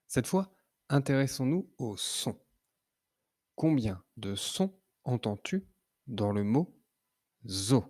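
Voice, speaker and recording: Slow, careful male reading teacher. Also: mid-range voice, big pitch swings, darkish tone, dry recording, clean studio sound. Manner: slow, clearly articulated syllables. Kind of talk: reading lesson for children.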